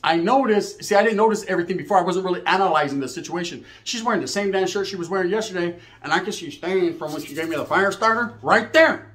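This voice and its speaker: Speaking fast in a fairly bright, slightly high voice, a middle-aged man with a Chicano English accent spins casual street tales. He swears, uses slang, sprinkles in Spanish, keeps asking "right?", and performs every side of the dialogue.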